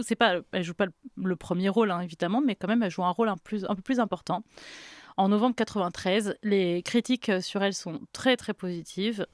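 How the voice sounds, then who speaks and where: A young woman hosting a podcast, telling a story in a lively, chatty way with quoted asides. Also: mid-range voice, no room sound, studio quality. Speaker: podcast host. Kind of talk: casual storytelling chat.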